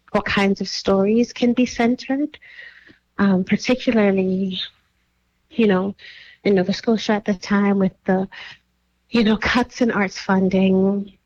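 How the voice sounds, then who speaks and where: The recording is muffled as a curator and writer from Nigeria responds to an interviewer, her mid-range voice carrying a darkish tone. She's reflective, with frequent pauses and filler words.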